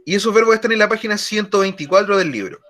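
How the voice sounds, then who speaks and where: A male teacher explaining grammar rules slowly in a lesson, often repeating key words. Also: high-pitched, lively intonation, a bit bright, faint music behind. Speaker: English teacher.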